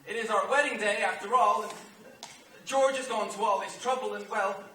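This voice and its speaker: A man's voice: high voice, normal speed, bright, forceful tone, a little hiss or hum. An actor playing an earnest, lovestruck young groom pleading with his bride. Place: theater stage. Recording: echoey stage from far off with music.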